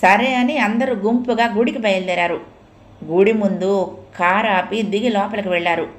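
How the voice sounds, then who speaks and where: A woman reading a comic novel aloud in a lively, theatrical storytelling manner. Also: medium pitch, moderate pace. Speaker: audiobook narrator. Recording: roomy echo.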